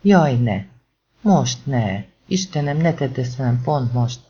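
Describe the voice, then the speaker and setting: A man's voice: mid-range voice, expressive, warm tone, breathy edge. A man voicing a frightened twelve-year-old boy on the run, crying out and pleading in panic. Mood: panicked. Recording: dull lo-fi recording.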